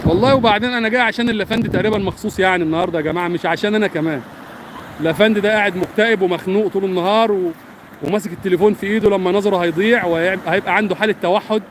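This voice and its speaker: Fast-talking Egyptian man on a windy beach. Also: high-pitched, steady tone. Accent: Egyptian Arabic. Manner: chatty and earnest, swears by God often. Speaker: vlogger. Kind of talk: casual live-stream chat to viewers. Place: beach outdoors in wind. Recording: wind noise on phone mic.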